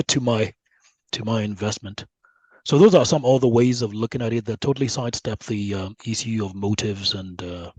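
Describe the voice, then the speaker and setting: A guest researcher with a Nigerian accent explains his views on a podcast using analogies, chatting conversationally and often checking in with "right?" and "you know." His mid-range voice is slightly mellow and husky, captured in a dry recording with poor audio.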